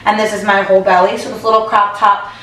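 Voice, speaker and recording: A woman's voice: medium pitch, flat delivery, fast, bright, forceful tone, echoey room, poor audio. A young woman talking casually to camera in a vlog, gushing and filling her talk with "like" and "literally". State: tearful, close to crying. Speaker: vlogger.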